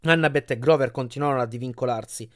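A man reading an audiobook chapter aloud with expressive delivery. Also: medium pitch, fast talker. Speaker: audiobook reader.

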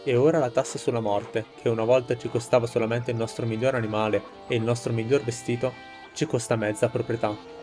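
An indignant peasant leader in a story game, read out by a man, addresses villagers in solemn, measured oratory. His pitch is average, and faint music plays behind him. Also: fairly even intonation, darkish tone, close to an everyday voice. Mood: solemn grievance. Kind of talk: game dialogue read aloud.

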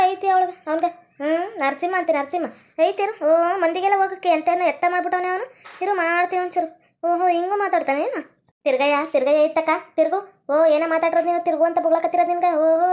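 Brief: high, quick woman, scolding sketch comedian. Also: a little mellow. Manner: scolding, quarrelsome village banter. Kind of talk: comic sketch acting.

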